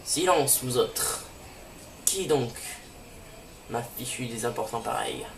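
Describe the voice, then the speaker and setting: A man's voice: medium pitch, expressive, takes it slowly. Brief: half-whispered menacing villain, voiced by a man; echoey, off-mic sound. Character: menacing male villain grunt, threatening. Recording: roomy, distant mic, faint hiss.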